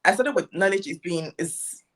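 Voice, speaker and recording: A woman's voice: on the low side, moderate pace, fairly bright tone. A young woman from Ghana, a guest sharing her story in a casual interview, thoughtful and rambling. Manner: reflective, rambling with restarts. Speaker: guest content creator.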